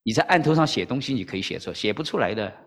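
Animated male preacher in a reverberant hall. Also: on the low side, rapid-fire. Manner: animated, acts out dialogue, frequent "OK?" to the audience. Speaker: pastor. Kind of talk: sermon with storytelling.

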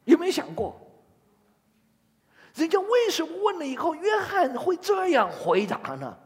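An older man delivers a sermon, moving between scripture reading and questions aimed at his listeners. His voice sits high and rises and falls with lively energy. The sound carries the long reverb of a large hall. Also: moderate pace. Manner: expressive, asks the audience questions. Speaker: preacher.

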